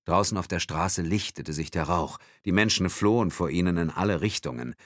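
A man's voice: low voice, moderate pace, fairly bright tone, dry recording, studio quality. A man reading a thriller as audiobook narration in a tense, dramatic manner. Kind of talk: scripted narration.

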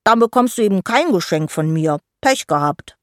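A bashful young troll boy who talks bluntly and a little gruffly, as a woman reads him in a storybook. The voice sits fairly low and speaks out loudly. The recording is dry and close. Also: big pitch swings, extremely slow, no echo, heavily acted.

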